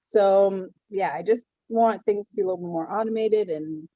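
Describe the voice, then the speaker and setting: A woman speaking casually on a business video call, upbeat and quick to laugh. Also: medium pitch, dark tone, no echo. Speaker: business owner. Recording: dry, dull video call.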